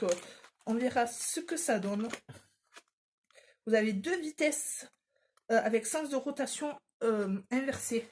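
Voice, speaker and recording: A woman vlogger talking casually through her shopping haul. Her voice sits a little high, and she hesitates often, filling gaps with fillers and correcting herself. Faint background noise runs under the recording. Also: darkish tone. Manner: self-deprecating about her English. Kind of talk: casual haul video chat.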